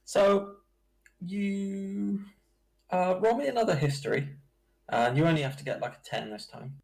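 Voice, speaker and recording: Male game master, unhurried and gravelly, narrates with hesitant chuckles. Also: sits high, darkish tone, poor audio. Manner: slow, halting narration with chuckles. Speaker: dungeon master.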